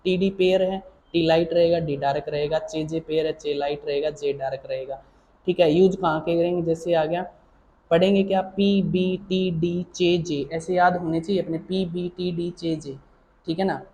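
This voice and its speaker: A man's voice: on the high side, steady tone, moderate pace, warm tone, highs cut off. A man teaching a shorthand lesson. He explains patiently, repeats himself, keeps checking that students follow, and calls them child or dear. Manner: patient, repetitive, checks in with "theek hai na".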